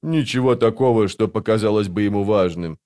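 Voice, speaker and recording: A man voicing a male wizard who speaks in a quiet, measured way. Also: on the low side, lightly acted. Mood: calm.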